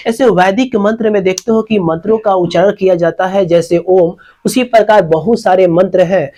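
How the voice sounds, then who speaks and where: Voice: medium pitch, darkish tone, rough recording. A teacher gives an exam-focused grammar lesson beside a teaching board, asking questions and answering them while repeating key terms.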